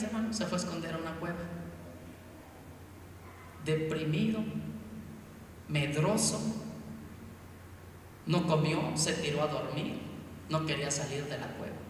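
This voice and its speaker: Male preacher with a Chiapas Mexican accent, high bright voice, far off in a reverberant hall. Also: unhurried, long pauses. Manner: storytelling, addresses listeners as hermanos. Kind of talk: sermon. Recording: echoey hall, distant mic, faint noise.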